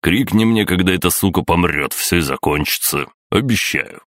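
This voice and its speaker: A man's voice: deep voice, lively intonation, moderate pace, a bit bright, no echo, studio quality. A man reading an audiobook, voicing a brash, boastful male viking warrior with a mocking, swaggering manner.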